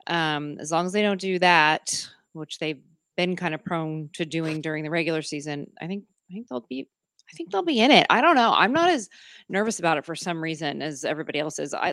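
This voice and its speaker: A woman's voice: deep voice, fairly bright tone, no room sound, clean studio sound. A middle-aged woman co-hosting a casual sports podcast, easygoing and agreeable, thinking aloud. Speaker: podcast co-host.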